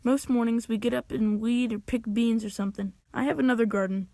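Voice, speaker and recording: A young woman tells a story for her animated video, her voice pitched a little high and sitting close and dry with no room sound. She delivers it with wry, deadpan humor and mock drama. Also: a little fast, dry recording. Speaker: channel owner telling a story.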